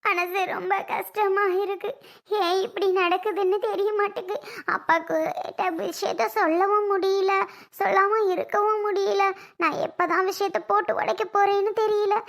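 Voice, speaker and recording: Woman doing a very high, gravelly tearful daughter. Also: steady tone, normal speed, a bit bright, full character voice. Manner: weepy, pleading, trailing off. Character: tearful young adult daughter, soft-hearted student. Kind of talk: comedic family skit acting.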